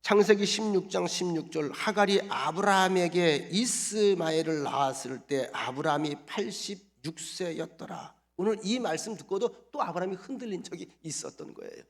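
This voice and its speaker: A middle-aged male pastor preaching a sermon, moving between hushed, near-whispered lines and loud, emphatic declarations. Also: high-pitched, moderate pace, creaky, hardly any pauses. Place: church sanctuary.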